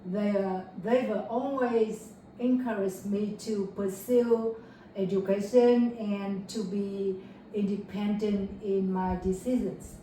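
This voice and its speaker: A young Vietnamese woman, a test candidate, answers a mock speaking test in careful, rehearsed English with fillers and self-corrections. Her voice is mid-range and dark, recorded far from the mic in an echoey room with faint noise.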